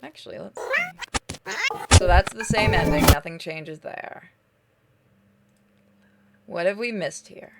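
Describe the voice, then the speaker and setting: A woman with a lowish voice speaks at a slow pace and pauses often, with background noise and game music playing. She's a gaming streamer doing a playthrough, reading the story text aloud theatrically and switching to casual commentary for her viewers.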